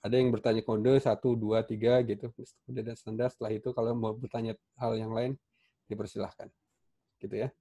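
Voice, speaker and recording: Male welding instructor with an Indonesian accent, mellow tone, loose and halting delivery, computer mic on a call. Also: fairly low pitch, flat delivery. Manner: casual, halting, many fillers and restarts. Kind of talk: online class lecture. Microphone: computer mic on a video call.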